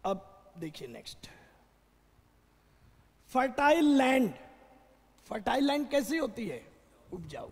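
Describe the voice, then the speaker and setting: A man teaching vocabulary in a classroom, explaining slowly and answering his own questions. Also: very high-pitched, big pitch swings, vocal fry, breathy edge, in a large hall.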